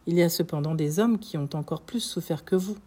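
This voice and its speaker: An unmoved bandit chief answers in short, cold lines, as a woman reading aloud gives him voice. The tone is low and mellow. It is a spoken storybook reading. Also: fairly quick, close to an everyday voice. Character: cool male bandit chief, curt and unmoved.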